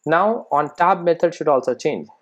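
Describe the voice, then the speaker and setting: Teaching software without a script, this male instructor walks through each step and keeps checking in with quick tag questions. He speaks at a normal speed in a slightly high voice, and the recording sounds muffled.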